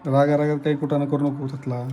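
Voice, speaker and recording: A man's voice: fairly high pitch, monotone, fast talker, warm tone, a little hiss or hum. A man hosting a casual family vlog, chatting and teasing while talking straight to his viewers. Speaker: family vlogger host. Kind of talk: casual home vlog chat.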